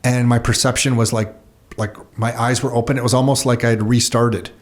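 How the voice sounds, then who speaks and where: A male podcast host in loose conversation. His voice sits at an ordinary middle pitch, and he rambles openly, swearing now and then as he asks his guest questions. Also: little pitch movement, a little fast. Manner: curious, rambling, swears casually. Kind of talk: casual interview.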